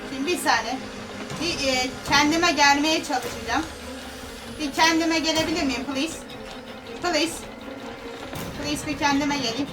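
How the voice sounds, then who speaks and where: Speaking at a measured pace with frequent pauses, a high-voiced woman streams a horror game. She keeps up a nervous running commentary to herself, full of gasps and pleas, while loud game music drowns her into the distance.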